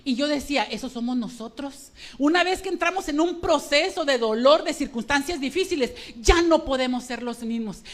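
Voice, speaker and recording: A woman preaching a sermon with emotion, speaking emphatically and directly to her congregation. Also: sits high. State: emotional, trembling.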